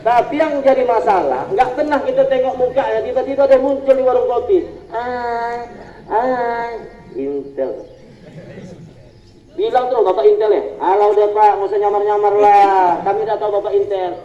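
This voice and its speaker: High-voiced preacher, echoey hall. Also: male voice, moderate pace, dark tone. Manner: jokey, storytelling, addresses the audience directly. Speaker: Islamic preacher. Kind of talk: lively humorous sermon. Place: school religious gathering. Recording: echoey room, distant mic, dull lo-fi.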